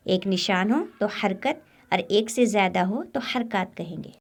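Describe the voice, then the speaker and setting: A woman, teaching a Quran recitation lesson step by step and sounding out syllables slowly. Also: medium pitch. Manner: slow, drawn-out demonstration of letter sounds.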